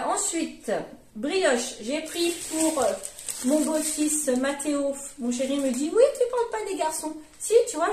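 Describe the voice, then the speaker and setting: A woman's voice: high voice, a little mellow, slight background noise. Chatty woman in an echoey room. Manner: chatty, rambling, many fillers and self-corrections. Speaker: vlogger, mother. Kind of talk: casual grocery haul chat.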